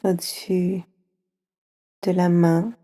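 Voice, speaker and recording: Children are guided through slow yoga nidra by a soft-spoken, soothing woman with a French accent who pauses for long stretches. Her voice runs low, with little movement in pitch.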